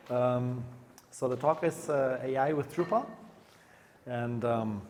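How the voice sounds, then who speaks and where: A man's voice: medium pitch, a little mellow, a little hiss or hum. A man from Germany giving a conference talk on stage, speaking casually with many fillers and restarts. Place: conference room.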